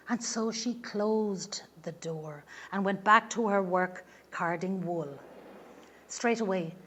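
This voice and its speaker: A woman telling a traditional folktale in a lilting, measured way, leaning on key words for drama. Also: medium pitch. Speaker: storyteller. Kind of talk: traditional oral folktale storytelling.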